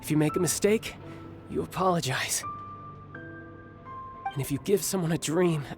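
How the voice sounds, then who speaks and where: An actor playing a cocky young warrior and protective big brother in a video game, breezy, self-assured and theatrical. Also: male voice, fairly high pitch, a little slow. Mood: earnest. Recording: clear background game music.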